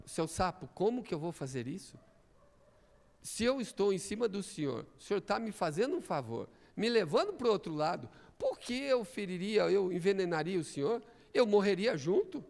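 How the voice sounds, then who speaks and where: A man's voice: sits high, very animated, normal speed, vocal fry, darkish tone, exaggerated voice. A man voicing a sly, pleading male scorpion in a fable told during a sermon, coaxing and wheedling. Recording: echoey church hall.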